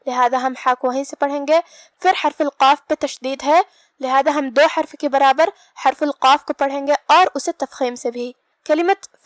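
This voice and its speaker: A woman's voice: sits high, no echo. A woman teaching the rules of Quran recitation, explaining each sound patiently and step by step.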